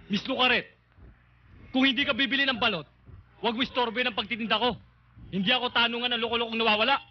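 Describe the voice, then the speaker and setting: An actor playing a brusque, irritable street egg vendor in a Filipino comedy film, with a scolding manner. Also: male voice, extremely high pitch, fairly even intonation, quick pace. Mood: irritated. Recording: muffled lo-fi film audio.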